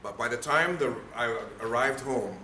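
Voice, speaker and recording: A male trainer lectures a room, punching key words and checking in with "okay?" and "right?". His voice is bright and forceful. The sound is roomy with a faint hiss behind it. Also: mid-range voice, normal speed. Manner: emphatic, asks the room questions. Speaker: speaking trainer. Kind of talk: workshop lecture. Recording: echoey room, faint noise.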